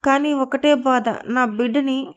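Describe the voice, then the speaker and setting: A woman's voice: high voice, steady tone, measured pace. A woman voicing a sorrowful, resigned young woman confessing in a farewell letter, in a Telugu audio story. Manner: sad confessional reading. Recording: dull lo-fi audio.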